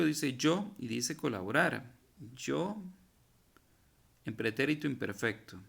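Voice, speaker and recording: A man with a mid-range, gravelly, slightly bright voice teaches a recorded grammar lesson. He patiently works through verb forms one by one, pausing to fix typos and his own slips.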